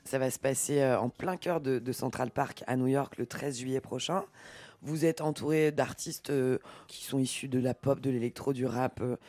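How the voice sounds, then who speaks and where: A man's voice: medium pitch, steady tone, moderate pace, a little mellow, no room sound. A man hosting a radio interview from a studio, speaking in an announcer style with occasional fillers. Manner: announcer-like, fills with euh. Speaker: radio host.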